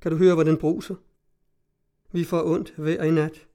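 A man reading aloud puts on a fragile young woman, lost in confusion, who clings and pleads in a soft, trembling, raised voice. Her words come hushed and anxious, the tone mellow and dark underneath. It plays like a storybook heroine caught in grief. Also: fairly high pitch, little pitch movement, lightly acted. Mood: anxious pleading. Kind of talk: audiobook reading.

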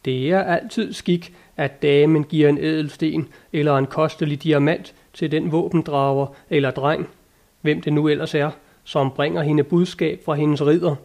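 A man's voice: on the high side, steady tone, creaky, darkish tone. A man voicing an ardent, lofty old knight in an audiobook, speaking in a grand, old-fashioned and eager way. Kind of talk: audiobook character reading.

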